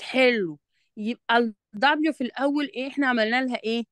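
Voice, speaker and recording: Egyptian lady teaching english one on one, fairly high voice, dry close sound, keeps asking "ok?". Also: fairly bright tone, no echo. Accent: Egyptian Arabic. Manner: explains patiently, keeps checking understanding; reads English sentences slowly and deliberately. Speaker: English tutor. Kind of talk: one-on-one revision lesson.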